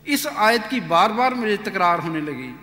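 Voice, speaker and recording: A man giving an earnest personal testimony, retelling events with animated quoted dialogue. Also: high voice. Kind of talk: storytelling testimony. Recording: echoey hall reverb.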